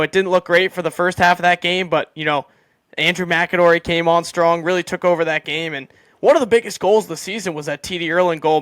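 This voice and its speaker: A man co-hosting a sports podcast, giving steady analysis of a team's season. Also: on the high side, clear, resonant tone, no echo, studio quality. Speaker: podcast co-host.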